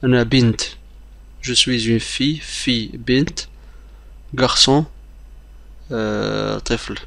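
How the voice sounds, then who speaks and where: A man teaches a beginner language lesson, explaining briskly with occasional hesitations and slowly repeating example phrases as drills. His mid-range voice is fairly bright with some vocal fry, and the recording is dry.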